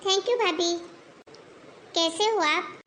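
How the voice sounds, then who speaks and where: A woman's voice: very high voice, takes it slowly, fairly bright tone, slight background noise, heavily acted. A woman voicing a spoiled young married daughter in a cartoon, whining about her in-laws. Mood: chatty.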